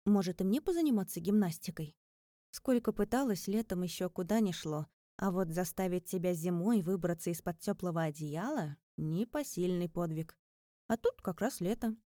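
Mellow woman reading a story aloud. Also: fairly low pitch, normal speed, no echo, clean studio sound. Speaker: audiobook narrator. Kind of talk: scripted narration.

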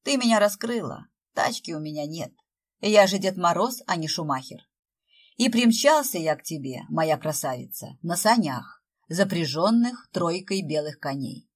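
A playful, teasing man playing Father Frost, all mock-solemn jokes and theatrical complaints, as a woman narrator voices him. The voice sits low and a touch husky, in a storybook reading. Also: expressive, normal speed.

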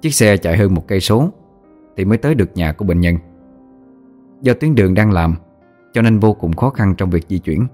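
A man narrating a story in a steady, dramatic storytelling manner. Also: low-pitched, fairly quick, long pauses, faint music behind.

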